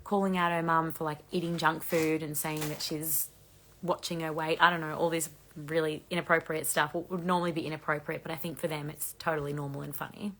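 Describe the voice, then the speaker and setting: A woman in her thirties with a low voice, hosting a casual live chat and reading out viewer questions. She rambles in a friendly way, filling her sentences with "like", and now and then lets out a small laugh. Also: little pitch movement, brisk, fairly bright tone, slight background noise. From Australia. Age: 30s. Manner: chatty, frequent "like" fillers, laughs lightly. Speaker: host answering viewer questions.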